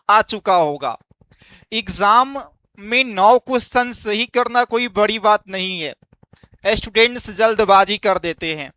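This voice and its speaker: A man's voice: high voice, bright, forceful tone, smooth, no room sound. A man teaching an exam-prep lesson, explaining step by step and asking quiz-style questions that he then answers himself.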